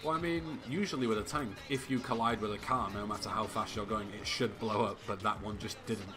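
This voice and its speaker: A man casually commenting on his own live speedrun, low-key and swearing freely. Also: steady tone, a little fast. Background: game music and sirens.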